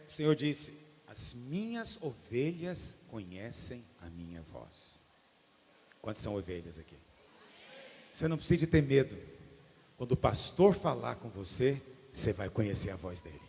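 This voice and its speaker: Brazilian guy preaching, high voice that jumps all over, echoey church hall. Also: a little fast, gravelly. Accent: Brazilian Portuguese. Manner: animated preaching, swinging from hushed asides to shouts. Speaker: pastor. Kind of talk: sermon.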